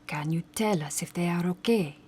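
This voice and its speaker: A woman with a lowish, dark, husky voice and moderate pace plays a spirit medium in the style of old-time radio drama. She is formal, commanding and mysterious, a solemn theatrical figure with a solemn, commanding mood.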